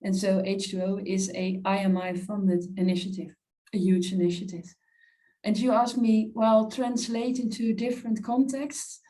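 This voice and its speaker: A woman's voice: medium pitch, fairly even intonation, normal speed, warm tone, poor audio. A woman surgeon speaking as a panelist, explaining a research project with slightly non-native phrasing. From Netherlands. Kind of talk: presenting at a panel webinar.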